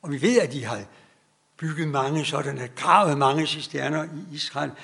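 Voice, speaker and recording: A man's voice: fairly high pitch, creaky, fairly bright tone. A middle-aged man preaching an earnest sermon, stretching out key phrases for emphasis.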